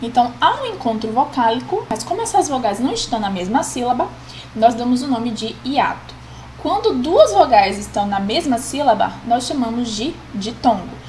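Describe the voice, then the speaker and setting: A woman's voice: a little high, expressive, moderate pace, mellow, a little hiss or hum, rough recording. A woman, patiently explaining a grammar lesson as a teacher and often checking in with the class.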